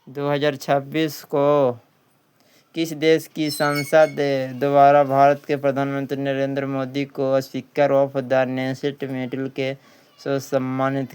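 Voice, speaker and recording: The speaker, a man with a Bihari accent, has a mid-range voice with a darkish yet clean tone. He teaches an exam quiz lesson by reading each question out, often going over it again, and then stating the answer.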